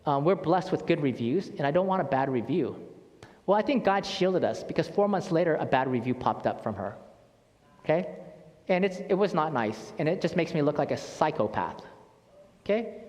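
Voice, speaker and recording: A middle-aged man, a church outreach director, telling stories in a casual testimony talk, animated and often restarting his words. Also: sits high. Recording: long hall reverb.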